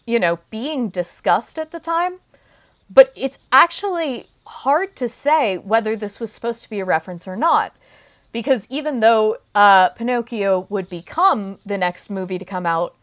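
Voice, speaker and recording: A woman's voice: on the high side, lively intonation, moderate pace. A woman co-hosting a podcast, chatting casually and laughing now and then as she talks. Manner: chatty, laughs while talking. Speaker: podcast co-host.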